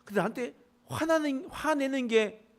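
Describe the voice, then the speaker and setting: A man's voice: very high-pitched, expressive, normal speed, pitched above the performer's own voice. A man putting on the voice of God, bluntly scolding a sulking prophet in casual, rebuking speech.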